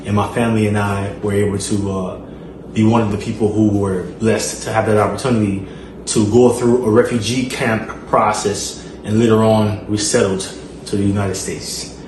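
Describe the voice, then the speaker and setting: A man's voice: fairly low pitch, little pitch movement, moderate pace. A man from Liberia with a Liberian accent, hosting his channel and answering fan questions in an earnest way, with frequent fillers and repeated phrases. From Liberia, West Africa. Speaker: channel host. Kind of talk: casual Q&A vlog. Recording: echoey room with noise.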